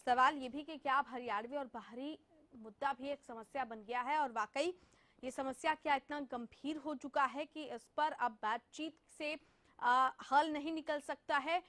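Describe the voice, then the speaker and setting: A woman anchoring a news bulletin, posing long questions in a measured, formal delivery. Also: high voice, a bit bright.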